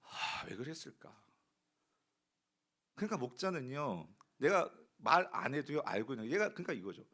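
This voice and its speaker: A man's voice: high voice, sharp tone. A male pastor giving a conversational sermon, telling a story and often asking the congregation questions.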